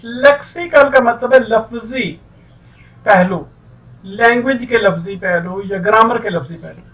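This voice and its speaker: A man teaches English in a recorded online lecture, his voice sitting on the high side. He sounds set back from the microphone. He explains patiently and keeps mixing English phrases into his talk. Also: measured pace, fairly bright tone, distant mic, low-quality recording. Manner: explains step by step, keeps saying "ठीक है".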